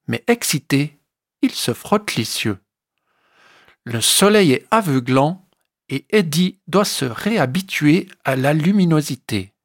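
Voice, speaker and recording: Slow, expressive storybook narrator. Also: mid-range voice, no room sound, studio quality. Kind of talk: scripted children's story narration.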